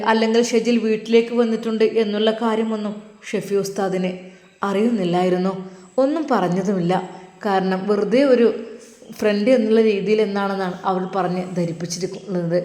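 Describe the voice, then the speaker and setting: A woman with a Malappuram accent narrating an Islamic story in a calm, dramatic storytelling manner, addressing her listeners. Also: mid-range voice. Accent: Malappuram Malayalam. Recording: roomy echo with long reverb.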